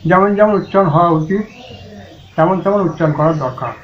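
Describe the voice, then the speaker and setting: A man with a Bengali accent teaching Sanskrit pronunciation, chanting mantras slowly and then explaining them plainly. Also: high-pitched. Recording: muffled, lo-fi recording with faint noise.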